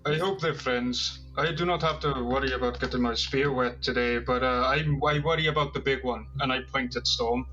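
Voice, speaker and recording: A man's voice: medium pitch, fairly even intonation, normal speed, hardly any pauses, pushed and bright, soft background music, close to an everyday voice. A man voicing a cocky, sardonic himbo orc spearman in a tabletop role-playing game. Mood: sarcastic. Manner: himbo swagger, sarcastic. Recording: dull, lo-fi mic.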